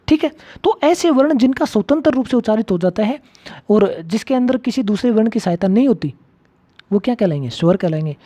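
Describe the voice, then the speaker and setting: Slightly dull lo-fi audio captures a man with a high, dark-toned voice teaching grammar to students preparing for exams. Again and again he poses questions to the class and repeats what matters most.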